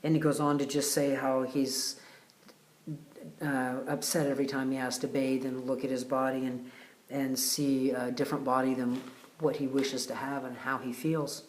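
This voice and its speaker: A man's voice: medium pitch, little pitch movement. Hesitant man in an echoey room. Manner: hesitant, many pauses and fillers. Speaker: retreat host. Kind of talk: casual heartfelt video message. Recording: roomy echo.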